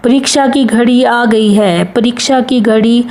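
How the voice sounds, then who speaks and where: A talking parrot that keeps crying out the same calls, as voiced by a woman narrating a storybook. The delivery stays slow and insistent. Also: on the high side, fairly even intonation, a little mellow. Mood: urgent.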